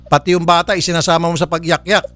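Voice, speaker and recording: A man's voice: fairly high pitch, little pitch movement, quick pace, a bit bright, no echo, soft background music. A man hosting a public service show, scolding a caller with curt refusals and mocking laughs. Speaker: radio-TV public service host. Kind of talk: stern on-air case ruling.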